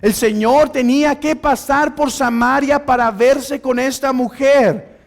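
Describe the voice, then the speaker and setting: A man's voice: very high-pitched, steady tone, unhurried, vocal fry. A man preaching an expository sermon, calling the congregation brothers and acting out the dialogue of the passage. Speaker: pastor.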